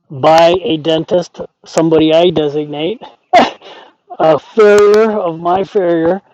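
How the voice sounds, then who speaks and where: A man's voice: a little high, darkish tone. An older man working as a horse trainer, explaining things in casual talk and often acting out imagined quotes. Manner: conversational, acts out imagined quotes. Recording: dull lo-fi audio.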